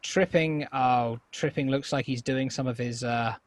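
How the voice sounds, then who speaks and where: A man's voice: medium pitch, fairly even intonation, a little slow. A man co-commentating a competitive game match, mixing jokey asides with play description. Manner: playful, jokey asides, loud surprised exclamations. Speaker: esports co-commentator.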